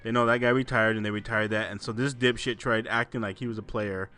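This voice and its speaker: A man's voice: fairly low pitch, fairly even intonation, fast talker, bright, forceful tone. A man hosting a casual podcast, telling rambling anecdotes, often breaking into laughter and swearing freely. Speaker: podcast host.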